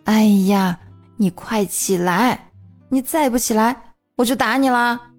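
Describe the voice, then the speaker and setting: A woman's voice: mid-range voice, lively intonation, normal speed, darkish tone, faint music behind, lightly acted. A woman voicing a young classmate who coaxes a friend out of bed. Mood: stern. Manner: coaxing, firm. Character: caring, bossy young classmate.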